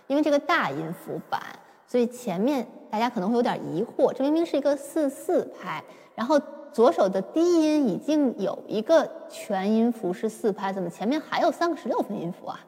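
A woman giving a patient, step-by-step piano lesson, explaining slowly with occasional fillers. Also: fairly high pitch, darkish tone. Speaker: piano teacher. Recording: long reverb with piano. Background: piano played at times.

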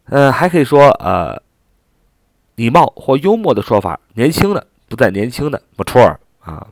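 A man's voice: mid-range voice, big pitch swings, moderate pace, no room sound. A man teaching English vocabulary, explaining step by step with filler particles and spelling each word out letter by letter. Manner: spells words out letter by letter and repeats them.

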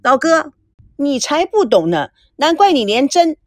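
A chatty teenage little sister who thinks she knows everything, as a woman reader puts her on. Her voice is highish and bounces all over the place, coaxing and lively. The recording is dry and close, with no room around it. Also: measured pace, no echo. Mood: teasing. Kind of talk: audiobook character voice.

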